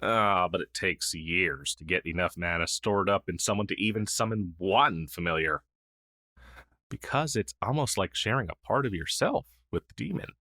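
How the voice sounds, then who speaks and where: In an intimate ASMR fantasy roleplay, a man with a low, bright, forceful voice plays a friendly, shy crow familiar, a masterless male magical helper. He sounds animated but hesitant, earnest and conversational at a normal speed, in a gentle, reassuring mood. The full character performance is recorded with clean studio sound and no echo.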